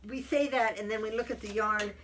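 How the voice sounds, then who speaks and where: A woman's voice: a little high, fairly even intonation, brisk, a bit bright, distant mic, a little hiss or hum. A middle-aged woman co-hosting a crafting podcast, chatting in a rambling, friendly way with plenty of fillers. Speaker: podcast co-host, yarn dyer. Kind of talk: casual chat.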